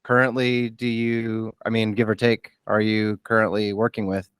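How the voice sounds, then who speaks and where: Man, 30s, deep-ish smooth voice, dry close mic, casual interview host, candid, halting. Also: little pitch movement, a bit bright, dry recording. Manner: candid, self-deprecating, halting with many restarts. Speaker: podcast host and athlete.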